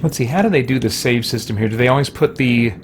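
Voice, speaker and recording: A let's play host with a mid-range voice offers casual gameplay commentary at a quick pace, thinking out loud as he plays. Game music and other background noise fill in behind him.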